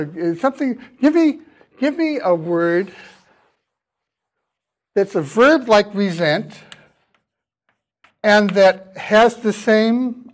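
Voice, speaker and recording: A man giving a university lecture, questioning his students and dropping dry wordplay jokes. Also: high voice. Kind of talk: classroom lecture.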